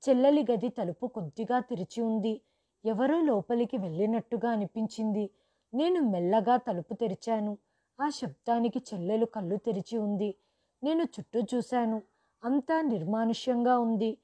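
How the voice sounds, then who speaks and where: A woman's voice: on the high side, moderate pace, warm tone. Woman telling a dramatic story. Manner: dramatic, acts out quoted lines with raised voice. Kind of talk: scripted first-person narration.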